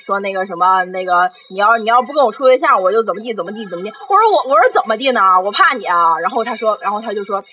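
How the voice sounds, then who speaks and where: A woman's voice: medium pitch, expressive, racing, hardly any pauses, pushed and bright, a little hiss or hum. A woman telling a story in a casual podcast chat, rambling with many fillers and restarts.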